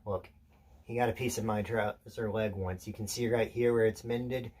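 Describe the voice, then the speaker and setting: A male actor plays an intense, lonely drifter spinning a rambling story in a theatrical monologue, confiding with deliberate pauses and small self-corrections and staying somewhat unsettled. His low, husky voice holds a steady, slightly mellow tone close to everyday speech, the mood confiding and edgy.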